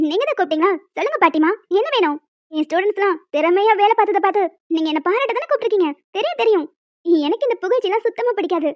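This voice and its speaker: A woman's voice: extremely high pitch, no echo, dull audio. A woman voicing a self-satisfied, pompous female school warden in a cartoon.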